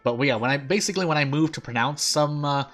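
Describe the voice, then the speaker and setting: A man's voice: fairly high pitch, fast talker, a bit bright. A man rambling and thinking aloud in casual game commentary, with an overbite that makes his teeth catch his lip on some sounds. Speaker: gaming streamer. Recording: game music behind the voice. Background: game music.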